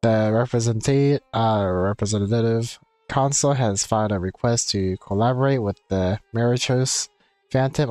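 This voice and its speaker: A man livestreams a game, talking in a loose, rambling, informal way as he chats and reads the game text aloud. His voice is medium in pitch with a darkish tone, recorded dry, and game music plays in the background.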